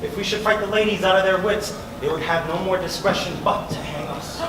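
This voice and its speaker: A man's voice: high-pitched, brisk, close to an everyday voice. A man performing a vain, overeager weaver who fancies himself an actor, declaiming pompously in a Shakespearean stage comedy. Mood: eager, boastful. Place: indoor theatre stage, recorded from afar. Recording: echoey stage hall, distant mic, loud noise.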